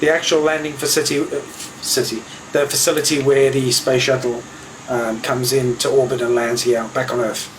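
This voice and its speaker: A man's voice: mid-range voice, level tone, normal speed, slight background noise, low-quality recording. A man chatting casually and informally as he streams a flight simulator to viewers. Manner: matey, informal. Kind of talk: casual livestream chat.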